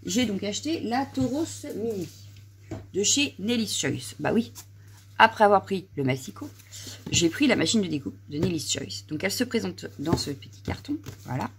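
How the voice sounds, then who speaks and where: In a casual haul video, a middle-aged crafting vlogger walks through her craft purchases, chatty and heavy on fillers and "voilà," with a slight frog in her throat. Her mid-range voice has lively intonation and vocal fry at a moderate pace, over a little hiss or hum.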